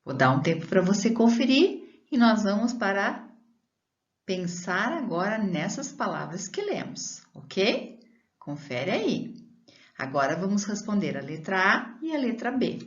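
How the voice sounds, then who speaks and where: A woman teaching a primary school lesson, reading words slowly and drawn out and asking pupils questions. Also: medium pitch, sing-song, highs cut off. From Brazil.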